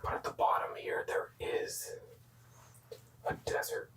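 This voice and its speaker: Showing hockey jerseys in a whispered ASMR show-and-tell, a young adult speaks in a soft, breathy, unvoiced style. Words are repeated slowly, and the talk drifts into casual asides full of self-corrections. The voice sounds distant from the mic in an echoey room.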